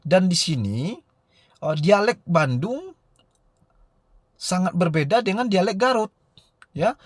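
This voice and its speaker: Male teacher, slightly high voice, dry close sound, explains with frequent "eh" pauses. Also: animated, dry recording. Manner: frequent "eh" fillers and tag "ya". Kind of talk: recorded lesson explanation.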